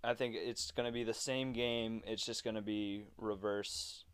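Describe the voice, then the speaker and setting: A young man hosting a casual sports podcast, talking loosely and joking, quick to laugh. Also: fairly low pitch, fairly even intonation, clean tone. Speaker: podcast host.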